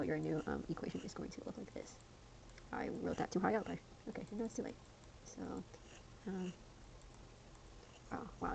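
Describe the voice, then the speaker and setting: A woman's voice: on the low side, creaky, mellow, a little hiss or hum, low-quality recording. A young woman casually explaining a math lesson, rambling with lots of fillers and slang. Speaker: student tutor.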